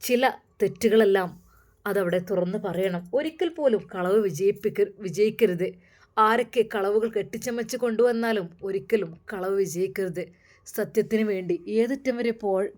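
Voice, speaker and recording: A woman voicing an earnest, hopeful young man in a storytelling video, speaking low and quietly. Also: moderate pace, lightly acted.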